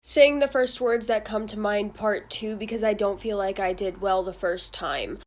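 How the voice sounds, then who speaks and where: A woman's voice: medium pitch, moderate pace. A woman making a casual comedy video, blurting out random words and laughing at herself in disbelief. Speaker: TikTok creator.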